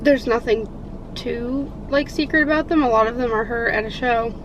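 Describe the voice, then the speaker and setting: Talking to her camera in a car and later at home, this young woman rambles through a casual vlog, leaning on fillers such as "like" and "I don't know." She sounds congested from a sinus infection, her voice sits on the high side at a normal speed, and the recording has its highs cut off against a noisy background.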